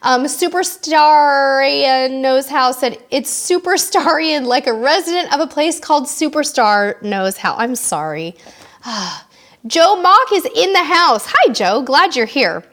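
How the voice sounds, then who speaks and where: A woman's voice: sits high, expressive, a bit bright. A woman in her forties hosting a live cruise Q&A, chatting casually and reading out viewer comments in a bubbly way. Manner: bubbly and chatty, quick asides.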